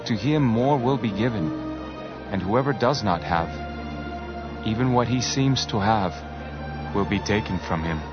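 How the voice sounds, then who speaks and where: A man playing a calm, solemn teacher. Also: fairly low pitch, natural voice. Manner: measured, solemn speech. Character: calm, authoritative male teacher and healer. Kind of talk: radio drama scripture reading. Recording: dull lo-fi audio with music behind.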